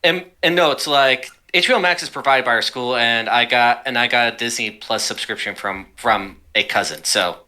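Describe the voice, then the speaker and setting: A man's voice: medium pitch, normal speed, few pauses, bright, forceful tone. A young man, a student, chatting casually with friends, rambling with lots of filler words. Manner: rambling, many fillers and restarts. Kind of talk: casual chat.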